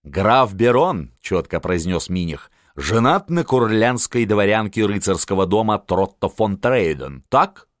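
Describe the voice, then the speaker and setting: Man doing a scheming old field marshal, barks orders, big swings of pitch, dry close sound. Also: sing-song, measured pace, few pauses, dry recording. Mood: commanding. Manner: barking, domineering.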